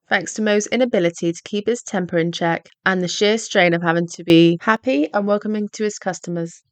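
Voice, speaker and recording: A woman, reading a scripted video essay narration in a measured, explanatory way. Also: on the low side, dry recording.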